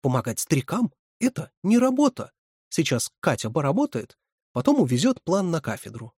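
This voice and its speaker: A man voicing a young, bossy female camp counselor who scolds and commands, with a husky voice. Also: sits low, very animated, normal speed, dark tone, no room sound, clean studio sound, pitched above the performer's own voice, exaggerated voice. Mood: scolding.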